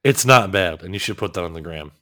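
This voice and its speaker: A man's voice: low-pitched, animated, quick pace, fairly bright tone. A man co-hosting a podcast, joking at his own expense and laughing often in easy chat. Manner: self-deprecating, laughing, joking. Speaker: podcast co-host.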